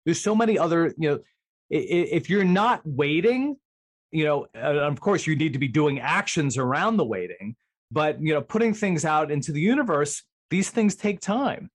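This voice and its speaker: Higher-voiced man as a podcast guest. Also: expressive, normal speed. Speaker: podcast guest, business development coach. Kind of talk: casual interview chat.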